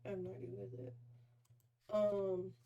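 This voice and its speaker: A woman's voice: mid-range voice, little pitch movement, moderate pace, vocal fry, dark tone, muffled recording. A woman streamer thinking aloud as she plays a game, musing and trailing off mid-thought in a casual way. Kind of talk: casual live gameplay commentary. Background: game music.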